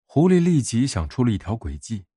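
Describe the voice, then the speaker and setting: A man reading a bedtime fairy tale for grown-ups, gentle and unhurried. His voice is husky, with a lively pitch that rises and falls, recorded close and dry. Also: no echo. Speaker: bedtime story narrator. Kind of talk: soothing bedtime story narration.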